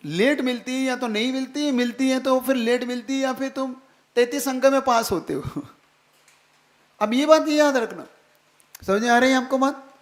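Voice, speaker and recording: A man, a Jain monk, giving a sermon, emphatic, repeating key phrases and often asking if listeners follow. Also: extremely high pitch. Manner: keeps checking the listeners follow with direct questions.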